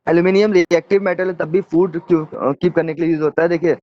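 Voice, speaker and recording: A man's voice: on the high side, fairly even intonation, fast, highs cut off. A male teacher giving an online class lecture, explaining step by step and often checking that students follow.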